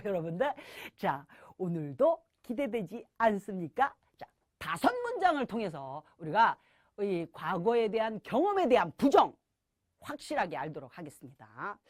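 A middle-aged woman teaching a language lesson, leading students in repeated drills with call-and-response cues and slowly modeled phrases. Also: medium pitch, darkish tone, no echo, clean studio sound.

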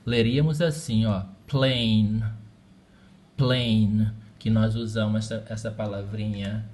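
A man's voice: medium pitch, a little mellow. A man teaching English in a recorded lesson, speaking patiently and checking in often with his students. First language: Portuguese.

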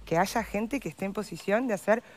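As a guest in an interview, an endometriosis patient advocate with a Uruguayan Spanish accent explains things earnestly and uses voseo. Her voice is mid-range and she talks fairly quickly.

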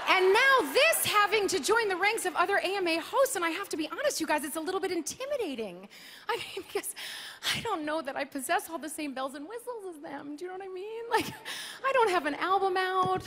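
High-voiced woman hosting a live awards show. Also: expressive, a little fast, a little hiss or hum. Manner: playful, self-mocking, bursts into sung lines. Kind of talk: comedic opening monologue. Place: large live arena stage. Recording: live arena sound with loud crowd. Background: audience applause and cheering.

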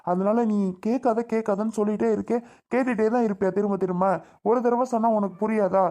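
An impatient father, played by a man, keeps lecturing his small daughter in rapid, irritated talk. He threatens her more and more as his patience wears thin. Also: high voice, fairly even intonation, dark tone. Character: stern, impatient young father.

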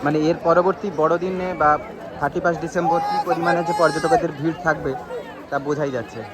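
A man's voice: on the high side, steady tone, quick pace. A man giving live vlog commentary outdoors, announcing and repeating phrases for emphasis. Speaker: vlogger reporting live from a beach. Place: outdoors on a crowded seaside beach. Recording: outdoor recording with busy crowd noise.

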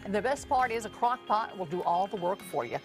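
A woman's voice: mid-range voice, lively intonation, brisk, soft background music. A middle-aged woman news anchor introducing a cooking segment in a studio, upbeat and reactive. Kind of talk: TV segment intro and co-host chat.

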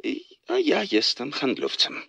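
A man's voice: mid-range voice, huge pitch swings, measured pace, gravelly, pushed and bright, breathy edge, dry recording, exaggerated voice. An actor playing a flirtatious, teasing salesman in a radio drama who laughs often as he talks on the phone. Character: flirtatious smooth-talking male salesman on phone.

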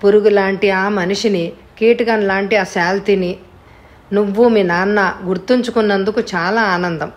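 A woman's voice: mid-range voice, lightly acted. A woman reading a harsh, vengeful man. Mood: mocking. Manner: harsh, mocking. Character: vengeful man, cruel and bitter. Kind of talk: audiobook character voice.

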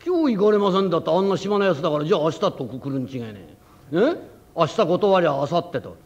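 A proud, hot-headed tofu shop owner who barks and blusters in rough old-town speech, as a man acts him out in rakugo. His voice sits fairly high and carries force. The old recording is dull and muffled. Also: very animated, fast talker. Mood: blustering. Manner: loud, rough, hot-tempered Edo-style talk. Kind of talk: rakugo storytelling.

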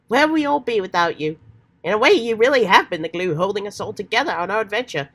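A woman getting over a cold voices an old-fashioned adventurous teenage boy who is earnest and excitable, using hammy, folksy slang. She speaks fast in a mid-range voice. Faint background noise is audible.

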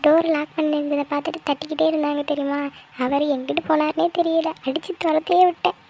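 A cheeky young college girl in a cartoon, her voice pitched up very high and racing along as she teases and gossips, as a woman puts her on. Her questions come out brash and quick. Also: little pitch movement, vocal fry, mellow, a little hiss or hum. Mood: gossipy. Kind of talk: cartoon voice acting.

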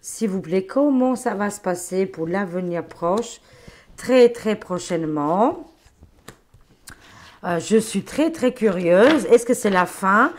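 A woman talks her viewers through a tarot reading in a loose, chatty way. She sounds exclamatory and familiar, her voice sitting at an ordinary pitch for a woman. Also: lively intonation, takes it slowly, a little mellow. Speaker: tarot card reader.

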